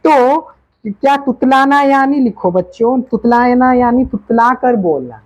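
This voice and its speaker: Slow, husky woman teaching a lesson. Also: a little high, animated, a little mellow. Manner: slow, repeats words and meanings, addresses students. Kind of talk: Hindi poetry lesson explaining lines. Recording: dull lo-fi classroom recording.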